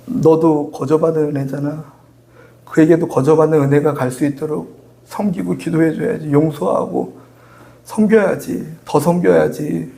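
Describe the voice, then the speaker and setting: A man's voice: a little high, normal speed, creaky. A middle-aged man preaching a sermon as pastor, telling stories animatedly and acting out dialogue with frequent laughs. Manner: animated storytelling, acts out dialogue, laughs often. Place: church sanctuary.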